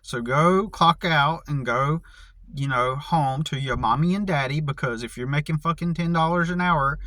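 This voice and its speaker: A man's voice: on the high side, moderate pace, fairly bright tone, no room sound. An American man in a casual vlog, ranting angrily and profanely with many restarts. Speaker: vlogger.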